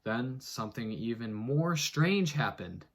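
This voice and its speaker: In a measured, expressive voice, a man reads an article aloud with theatrical mock drama. He keeps breaking off for muttered sarcastic asides, swinging between booming and muttering.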